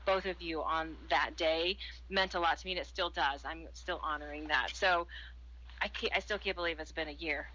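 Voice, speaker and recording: A woman hosting a radio talk show, enthusiastic and effusive, rambling warmly between thoughts. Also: low voice, normal speed, muffled recording. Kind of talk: casual radio chat.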